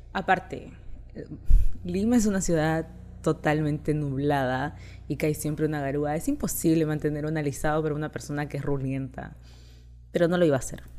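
This podcast host's voice is low-pitched and dark in tone. She's a young woman from Peru and Chile who grew up in Chile, and she tells casual personal stories in an intimate, talkative way with frequent laughter.

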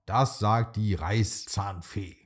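In a bedtime storybook, a man voices a small, eager boy dinosaur, sounding excited and pleading like a child. His voice is on the low side, husky and slow-paced, and the mood is cheerful.

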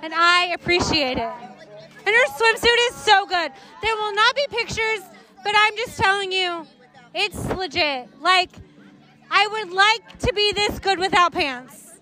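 A woman's voice: extremely high pitch, lively intonation, measured pace, sharp tone. A woman host doing casual, chatty interviews at a pool party, gushing exuberantly and swearing freely. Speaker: podcast host interviewing camp guests. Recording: music and crowd chatter behind.

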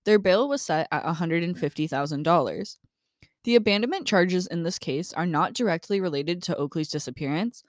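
A woman's voice: lowish voice, no room sound, studio quality. Blunt woman true crime podcaster. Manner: reads case facts then vents bluntly with swearing. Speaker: podcast co-host.

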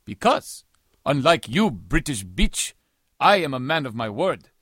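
Heavily acted, this audio drama performance gives a scornful, stern, proud Somali pirate stiff and formal non-native English. The man's husky, fairly bright voice is medium-pitched and sing-song at a measured pace, captured dry and clean in a studio.

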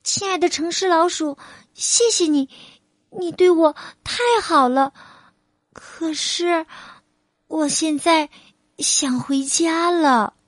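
Storybook figure: a woman doing a bright, squeaky little country mouse, gentle and eager, in a dry close sound. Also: slow, no echo. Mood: grateful. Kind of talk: storybook reading for children.

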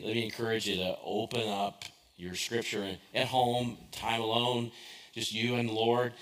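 Bright-voiced man preaching a conversational sermon. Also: lowish voice, low-quality recording. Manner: conversational storytelling, self-deprecating humor, rhetorical questions. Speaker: pastor.

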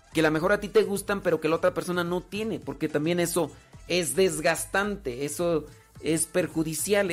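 A man with a Mexican Spanish accent giving casual relationship advice, chatty and repetitive, acting out examples. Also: on the high side. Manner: chatty, repeats words, acts out examples.

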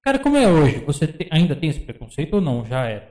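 A man's voice: fairly high pitch, wildly swooping pitch, fast, a little mellow, roomy sound. A man hosting a casual chat, slangy and joking.

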